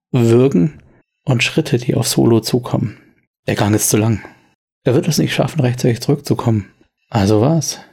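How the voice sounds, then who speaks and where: A man's voice: medium pitch, gravelly, darkish tone, slightly rough. A man narrating a tabletop role-playing game as game master, telling the scene in tense, descriptive storytelling.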